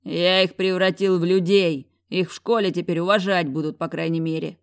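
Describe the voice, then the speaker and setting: A woman's voice: lowish voice, steady tone, normal speed, close to an everyday voice. A woman reading as a sneering brutish man. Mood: scornful. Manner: growling, sneering, drawling. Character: rude hulking grown man, scornful bully.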